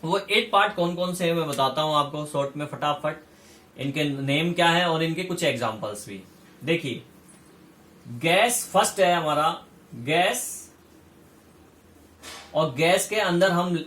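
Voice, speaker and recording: A man's voice: a little high, a bit bright, echoey room, far from the mic. A man giving a chemistry lecture, explaining step by step and repeating key terms as he checks that students follow. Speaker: chemistry teacher. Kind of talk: classroom lecture.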